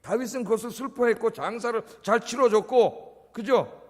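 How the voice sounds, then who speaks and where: A man's voice: very high-pitched, moderate pace. A male pastor giving a conversational sermon at a church service, often prompting the congregation with short questions. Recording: echoey church hall.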